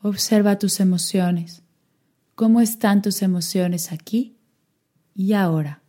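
A woman guiding a meditation, giving soft-spoken instructions with long pauses. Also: mid-range voice. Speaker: meditation guide. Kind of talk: guided meditation.

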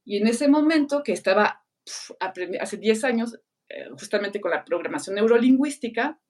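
This middle-aged woman sounds fairly high-pitched and keeps a moderate pace, sitting far from the mic. She's a teacher and speaker on learning, and in casual podcast conversation she animatedly recounts anecdotes, voicing the people she quotes.

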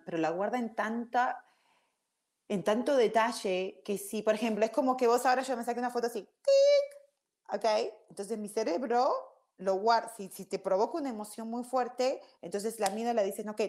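A woman giving a lively explanatory talk, tagging her sentences with "ok?". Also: a little high, normal speed. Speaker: speaker teaching about emotions.

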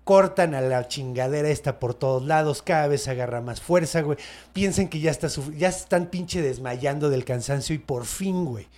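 A man with a Mexican accent retelling an old myth in slangy, animated casual chat as a podcast host. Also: fairly high pitch, moderate pace. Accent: Mexican Spanish.

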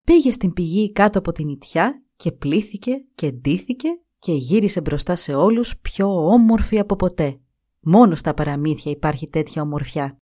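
Woman, storyteller, fairy tale narration, expressive, low voice, lively pitch. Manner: expressive, animated reading.

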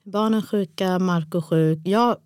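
Young woman, low voice, dry close mic; casual podcast co-host, animated storyteller. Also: smooth, no echo. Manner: chatty, animated retelling. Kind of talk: casual chat.

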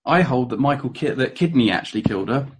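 Quick and expressive, with a husky mid-range voice, a man delivers a casual history presentation to a room, peppered with ums, uhs, self-corrections, and wry remarks.

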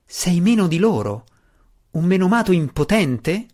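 A man voicing an earnest, wry dark elf warrior, speaking in a pressing, slightly raised voice. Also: medium pitch, lively intonation, normal speed, lightly acted.

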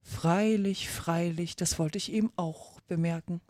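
A woman voicing a drowsy little dormouse who talks slowly and sleepily, in a read-aloud storybook with a dry sound. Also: lowish voice, fairly even intonation, a little mellow, no echo, natural voice. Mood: sleepy. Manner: sleepy, slow.

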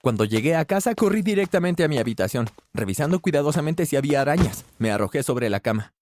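Narrating a scripted story in the first person, a man speaks at a quick pace with lively delivery, shifting pitch whenever he takes on a character's voice.

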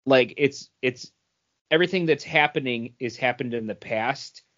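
A man with a mid-range, fairly bright voice talks at a normal speed while co-hosting a podcast. He chats casually through a comic book review, rambling and repeating phrases as he thinks. The podcast audio is dull and lo-fi.

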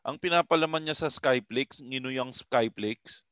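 A man's voice: medium pitch, a little slow, a bit bright, clear, resonant tone. A man co-hosting a casual podcast, joking and teasing his friends as he talks and laughing often. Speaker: podcast co-host. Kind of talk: casual banter among friends.

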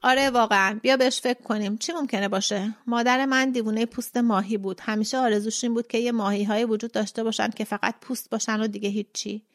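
A woman voicing a playful young woman in a storybook reading, speaking softly and probing gently. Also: fairly high pitch, fairly even intonation, few pauses, no room sound, clean studio sound, lightly acted.

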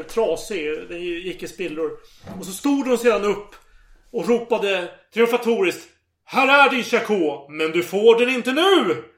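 A man retells a story in casual chat, animated and eager to act out each quoted line. His voice sits high. The recording has a noticeable room echo.

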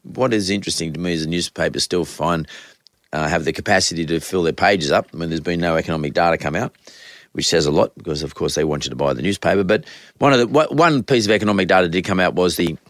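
An Australian man hosting a podcast in conversational, off-the-cuff talk, his voice croaky from a cold. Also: low voice, fast, fairly bright tone, dry recording. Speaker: podcast host. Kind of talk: unscripted solo podcast talk on news and economics.

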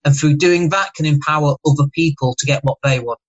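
A man's voice: fairly high pitch, muffled recording. A man with a Northern English accent and a slight lisp, talking emphatically and motivationally as a podcast guest. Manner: emphatic, motivational, rapid asides. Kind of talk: casual podcast chat.

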